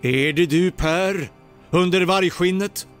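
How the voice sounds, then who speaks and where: A man's voice: high voice, faint music behind, voice pushed up, natural voice. A man doing a cold, looming sorcerer priest. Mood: menacing. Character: menacing old sorcerer priest, cold and merciless.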